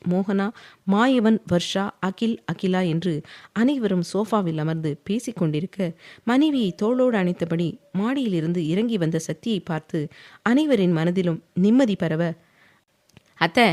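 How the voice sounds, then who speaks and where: A woman narrating a romance audio novel in a steady, even storytelling manner. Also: medium pitch.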